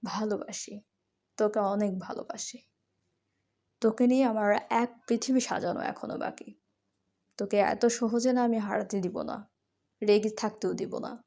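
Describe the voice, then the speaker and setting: A woman's voice: on the high side, lively intonation, moderate pace, a little mellow. A woman voicing a devoted, teasing young husband in a romantic audio story, tender and coaxing.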